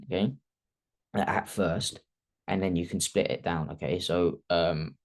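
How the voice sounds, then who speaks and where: Man, lowish voice, branding coach, casual unscripted teaching, frequent "okay?". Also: steady tone, a little slow. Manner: conversational, keeps tagging "okay?", thinks aloud off the cuff. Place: video call.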